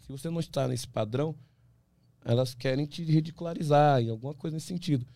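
A man, an ultramarathon runner from Brazil, talking as a podcast guest, animated and full of restarts, acting out what others say. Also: on the high side, fast, vocal fry, dry recording. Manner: animated storyteller, many restarts, acts out quoted voices. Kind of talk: casual interview talk.

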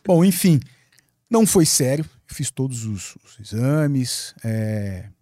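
A man from Brazil, a guest on a podcast, telling a story in a lively way. He swears freely and acts out his own past words. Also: mid-range voice, slow, dry recording, studio quality. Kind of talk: animated storytelling in a podcast interview.

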